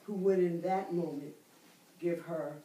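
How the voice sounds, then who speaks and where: In a church library room with bookshelves, a middle-aged woman teaches a Bible study as a preacher, stretching out key words and calling for responses from the room. Her lowish voice is steady and warm. With no mic, just a far camera, the recording sounds echoey and distant.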